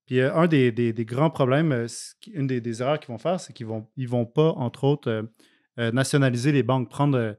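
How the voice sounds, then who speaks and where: A man with a Québécois French accent and a mid-pitched voice tells history in a loose, colloquial way. He hesitates often and fills pauses with ums. It is casual podcast conversation. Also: darkish tone. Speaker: podcast co-host. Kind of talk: casual political history discussion.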